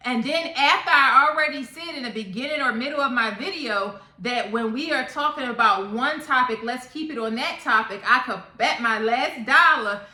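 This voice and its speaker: Speaking at normal speed with few pauses, this woman has a high-pitched, sharp tone. A topic channel vlogger in her thirties, she talks casually to viewers in an echoey room, voicing opinions bluntly and emphatically and repeating points for emphasis.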